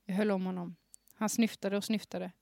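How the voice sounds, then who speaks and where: A woman's voice: medium pitch, level tone, creaky, a little mellow, dry recording. A young adult woman hosting a podcast, reading aloud a story she wrote as a teenager and stifling giggles as she goes. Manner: reads with suppressed giggles. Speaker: podcast host. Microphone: studio microphone with headphones.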